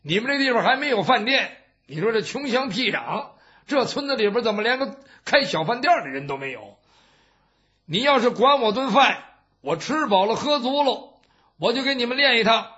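A man voicing a blunt, brash middle-aged warrior who talks gruffly and boasts. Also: very high voice, expressive, moderate pace, sharp tone, heavily acted. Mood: boastful. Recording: dull lo-fi recording.

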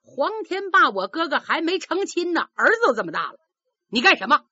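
A woman's voice: sits high, sing-song, brisk, pushed and bright, no room sound, dull audio, voice pushed up, exaggerated voice. An indignant young swordsman, as a woman acts him. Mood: mocking. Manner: indignant, scolding. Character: hot-tempered young male swordsman.

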